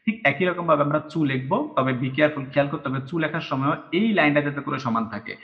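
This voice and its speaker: A man's voice: on the high side, brisk. Patient man counting strokes, lo-fi. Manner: patient, counts strokes aloud and spells syllables out. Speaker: Japanese teacher. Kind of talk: step-by-step writing lesson. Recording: dull lo-fi recording.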